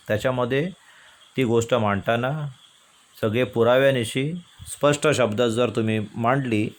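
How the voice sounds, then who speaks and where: A male teacher from India explaining a poem to students, asking and answering his own questions. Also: medium pitch. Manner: recites verses in a slow chant. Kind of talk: Marathi poetry lesson.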